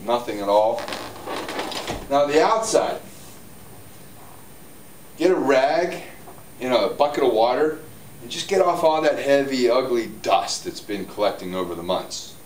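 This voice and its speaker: Speaking at a measured pace with frequent pauses, a medium-pitched man in his forties with lively intonation gives a chatty, upbeat how-to demo for his hot tub store, moving around and gesturing. A camera on a tripod at a distance records the roomy sound of the large indoor spa showroom, with a little hiss or hum.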